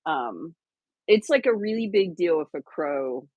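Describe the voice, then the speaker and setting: Low-voiced woman chatting on a livestream. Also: sing-song, unhurried, dry recording, narrow, tinny audio. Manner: chatty, rambling, frequent fillers and restarts. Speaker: livestream co-host. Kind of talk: casual livestream chat.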